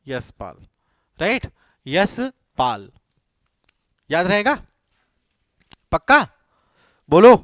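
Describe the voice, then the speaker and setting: A man with a high, light voice runs an exam-prep class, firing the same question again and again before he answers it himself. He slips English phrases into his speech and. The sound is dry, close and free of room echo. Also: big pitch swings, extremely slow, long pauses, fairly bright tone. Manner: quizzes students with repeated questions, then answers himself. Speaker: coaching teacher.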